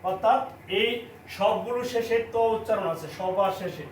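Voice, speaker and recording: High-voiced Bangladeshi teacher, echoey room. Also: male voice, a little hiss or hum. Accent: Bangladeshi Bengali. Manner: repetitive, drilling each point slowly. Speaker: language teacher. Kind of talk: classroom lesson. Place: classroom. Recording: echoey room, mic at a distance.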